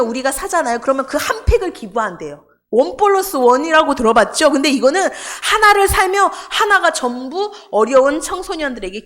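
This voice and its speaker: A middle-aged woman pastor preaching a sermon in a church, telling a story in a lively way and acting out the people in it. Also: high voice. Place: church sanctuary.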